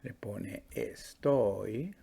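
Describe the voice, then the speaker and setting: A man's voice: fairly low pitch, vocal fry, mellow, slightly rough. A man teaching a Spanish grammar lesson, patiently explaining step by step and often checking with the listener. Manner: patient, drawn-out, stops to ask "¿sí?" and "¿verdad?".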